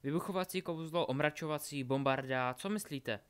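A man's voice: fairly high pitch, smooth, lightly acted. A man reading an audiobook, voicing an eager, impulsive teenage boy wizard. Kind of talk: audiobook character voice.

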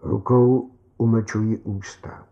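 Male narrator, mellow dark voice, tense measured delivery, muffled lo-fi recording. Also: on the low side, fairly even intonation. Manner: tense, measured dramatic reading. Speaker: audiobook narrator. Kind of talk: first-person story narration.

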